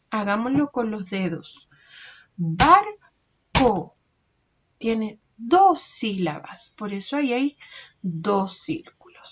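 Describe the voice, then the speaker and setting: A woman teaching a recorded lesson for young children, slow and patient. She stretches out words and keeps checking that her listeners follow along. The sound is dull and lo-fi. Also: on the high side.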